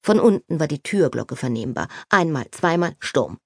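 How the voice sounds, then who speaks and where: Woman audiobook narrator, low voice, very animated, dry close studio. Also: moderate pace, gravelly, slightly rough, no room sound. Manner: expressive, animated storytelling. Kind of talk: scripted narration.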